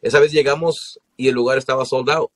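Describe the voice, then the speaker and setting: A man's voice: mid-range voice, fairly even intonation, a little fast. A man with a Mexican Spanish accent, a singer telling stories in casual podcast chat, slangy and profane.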